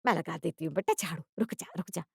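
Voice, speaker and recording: A woman voicing a greedy, scheming older mother-in-law who coaxes sweetly and then bursts out loud, recorded dry. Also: low-pitched, fast talker, vocal fry, husky, no echo, full character voice. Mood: coaxing. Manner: sugary coaxing, with sudden loud outbursts.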